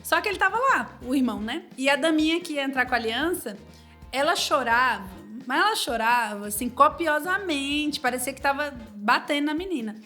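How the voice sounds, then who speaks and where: Lively high-voiced Brazilian woman. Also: a little fast, soft background music. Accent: Brazilian Portuguese. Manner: animated storytelling, acts out quoted dialogue. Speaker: wedding planner guest. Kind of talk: casual interview anecdotes.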